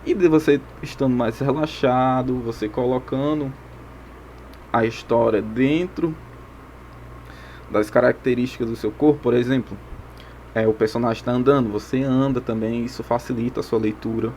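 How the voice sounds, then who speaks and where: Brazilian teacher, frequent "ok?" checks. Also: male voice, medium pitch, steady tone, moderate pace, a little mellow, slight background noise. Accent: Brazilian Portuguese. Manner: explanatory, checks in with frequent "ok?" and "tá certo?". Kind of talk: recorded video lesson.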